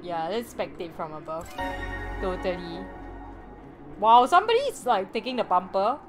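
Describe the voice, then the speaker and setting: Excitable young woman streamer, lively voice. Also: mid-range voice, normal speed. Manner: excitable, gasping, repeats herself. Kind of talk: excited live game commentary. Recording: music playing behind the voice.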